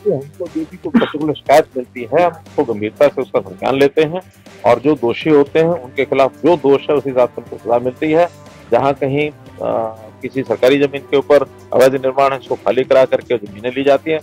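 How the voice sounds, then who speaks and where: A man chairing a grievance meeting, giving a measured, matter-of-fact statement to the press. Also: mid-range voice, darkish tone, soft background music, low-quality recording.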